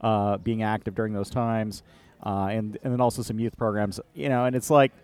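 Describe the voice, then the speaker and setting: A man chats about local news on a podcast, his voice fairly low and the sound dry and close. He talks in a relaxed, unhurried way and stops often to restart a thought. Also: clean tone, dry recording. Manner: relaxed, halting, many fillers and restarts. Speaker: podcast co-host. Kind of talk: casual political chat. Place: outdoor beer garden.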